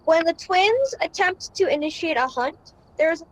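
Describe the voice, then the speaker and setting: Woman on voice chat high-voiced fellow gamer, audio breaking up, casual fact-reading. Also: lively intonation, a little slow, poor audio. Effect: voice chat audio cutting out.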